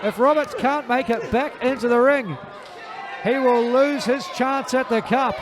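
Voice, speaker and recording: A man working as a play-by-play wrestling commentator, making emphatic, dramatic, excited calls of a match. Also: extremely high pitch, measured pace. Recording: live crowd noise behind. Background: wrestling event crowd.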